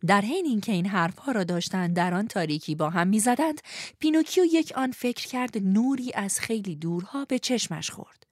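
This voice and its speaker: A woman narrating a storybook aloud, gently and expressively, speaking to young listeners. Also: medium pitch, animated, no echo, studio quality. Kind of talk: storybook reading.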